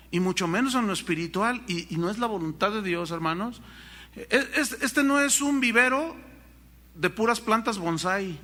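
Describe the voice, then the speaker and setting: A Mexican man preaching from the pulpit in a high, ringing voice. His delivery is emphatic, and he slips into little acted voices when he quotes people. The tone is bright and forceful. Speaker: pastor. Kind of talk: sermon.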